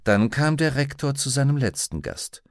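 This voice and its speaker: Man calmly narrating an audiobook, dry. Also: medium pitch, moderate pace, dry recording. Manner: calm, even storytelling. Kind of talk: scripted narration.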